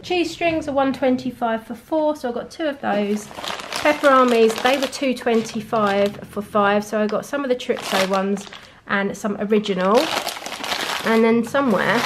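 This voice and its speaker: Off screen behind a handheld camera, a middle-aged British woman goes through her grocery haul at a table indoors at home, chatting to viewers with easy amusement and frequent light laughs. Her voice is fairly high, and the background is noisy.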